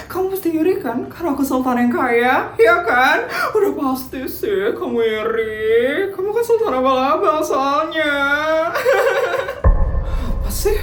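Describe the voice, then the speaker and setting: A woman voicing a spoiled, boastful rich schoolgirl who taunts and giggles loudly in a cartoon. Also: high voice, reverberant, voice pushed up. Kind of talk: cartoon voice acting.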